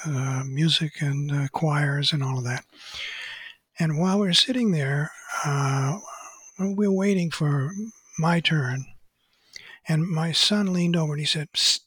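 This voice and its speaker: An older man, an author being interviewed, recounting stories slowly and hesitantly with many pauses. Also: on the high side, slightly rough, dry recording. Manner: hesitant, many "uh" pauses, quotes others in a hushed voice. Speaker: author and photographer interviewed as guest. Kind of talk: unscripted storytelling interview.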